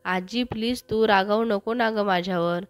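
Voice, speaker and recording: A woman's voice: mid-range voice, moderate pace, no room sound, natural voice. Shy young woman, hesitant and pleading, read by a woman; dry sound.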